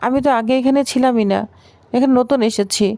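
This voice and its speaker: Woman doing hurt young newcomer, pleading, explaining, high voice. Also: a little fast, darkish tone, dry recording. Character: injured young woman new in the city.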